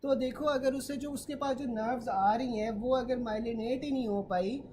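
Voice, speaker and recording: Woman tutoring medicine online, high voice. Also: steady tone, moderate pace, mellow, slight background noise, rough recording. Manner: explanatory, checks in with students often. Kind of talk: online class explanation.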